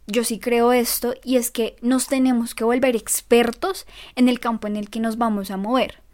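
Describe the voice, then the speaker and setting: Lively young woman telling her story. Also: fairly high pitch. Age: young adult. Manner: lively, self-mocking, jokes to the audience. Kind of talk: personal storytelling vlog.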